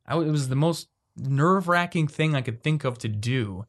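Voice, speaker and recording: Male podcast co-host, mid-pitched, quick conversational delivery, reads listener questions aloud. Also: lively intonation. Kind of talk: casual podcast chat.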